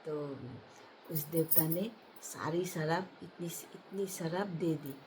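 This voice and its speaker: A woman telling a comic folk tale in a casual, halting way, with many fillers and restarts. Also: low voice, steady tone, background noise. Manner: halting, with many fillers and restarts, laughing at her own jokes. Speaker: storyteller, channel host.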